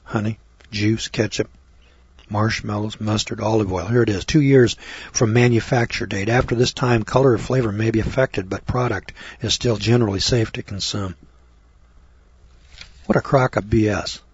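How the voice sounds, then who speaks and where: A man's voice: fairly low pitch, steady tone, normal speed, slightly rough, dry recording, muffled recording. An older American man preaching, reading scripture aloud and breaking off into blunt, crude, scornful remarks. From United States. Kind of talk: folksy sermon reading scripture.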